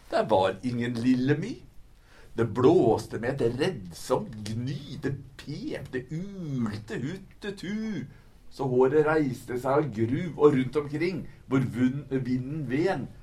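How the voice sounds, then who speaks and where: A male reader telling a rhymed children's story in a lively, sing-song way. His pitch swings widely from line to line, leaping up for excitement and dropping low for suspense, at a moderate, mid-range voice. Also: a little hiss or hum. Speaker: book talk presenter. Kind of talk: reading a rhymed picture book aloud.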